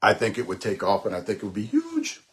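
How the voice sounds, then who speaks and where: Podcast host, man in his 60s, somewhat low voice, loose rambling delivery with casual cursing. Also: wildly swooping pitch, fast, a little hiss or hum. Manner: rambling, repeats himself, swears casually. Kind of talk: casual monologue.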